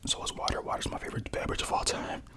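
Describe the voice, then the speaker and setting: A young adult whispering casual stories at home while eating snacks into a close mic for an ASMR video. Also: very fast. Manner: soft rambling whisper with crunching and chewing sounds.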